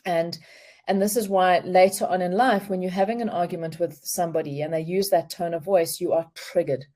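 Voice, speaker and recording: A woman speaking as a relationship expert on a video call, explaining in a calm, measured way. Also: fairly low pitch. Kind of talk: remote interview, explaining.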